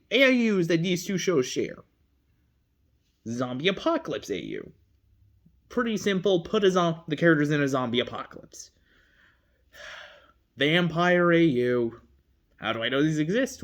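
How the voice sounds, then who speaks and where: A fandom video creator talking off the cuff in a rambling, giggly way, correcting themselves often and breaking into laughter. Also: medium pitch. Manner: rambling, giggly, lots of self-corrections and asides. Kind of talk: casual rambling commentary.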